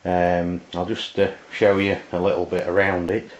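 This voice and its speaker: A deep-voiced English man with little pitch movement reviews a product in a casual, unscripted hands-on demo. He's hesitant and halting, often stopping mid-sentence, and the roomy camera recording sounds dull and lo-fi.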